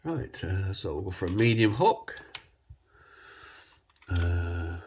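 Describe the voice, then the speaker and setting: A man congested with a cold, talking casually and hesitantly as he hosts a hands-on demonstration, his voice husky from man flu. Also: low-pitched, animated, slow, darkish tone, slight background noise. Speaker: video host.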